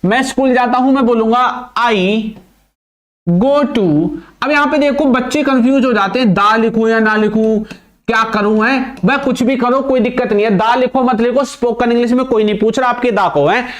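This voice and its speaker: A man's voice: very high-pitched, moderate pace. A young man teaching an English grammar lesson, quizzing the viewer with repeated questions and answering them himself, speaking English words. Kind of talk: classroom-style grammar lesson.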